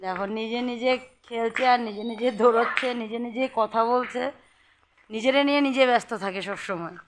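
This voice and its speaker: A woman's voice: on the high side, a little fast, slight background noise. A woman in her thirties, a mother of two, chatting casually to viewers as she walks the yard and cooks at home. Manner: chatty, narrating household chores to viewers. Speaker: vlogger, mother of two boys. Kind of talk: casual home vlog chat.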